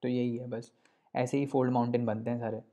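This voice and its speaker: A man teaching a lesson in a relaxed, conversational way, often stopping to check that the listener follows. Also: mid-range voice, fairly quick. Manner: conversational, repeats "ठीक है" often, checks understanding. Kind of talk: explanatory lesson while drawing. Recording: dull lo-fi recording.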